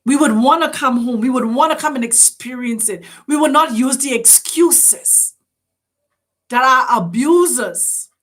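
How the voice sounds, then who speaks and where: A woman's voice: high voice, animated, a little slow, fairly bright tone. A woman hosting, giving an impassioned spiritual address full of rhetorical questions and urgent appeals to her listeners. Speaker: host.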